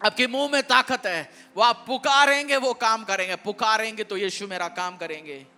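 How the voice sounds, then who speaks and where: A man's voice: sits high, moderate pace, bright, forceful tone. A male pastor delivering a fervent, emphatic sermon, mixing in English words.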